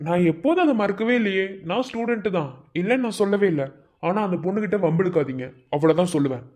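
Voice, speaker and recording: A man voicing a brisk, firm young student. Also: sits high. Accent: Madurai Tamil. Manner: firm yet polite, steady. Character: calm, protective young male college student.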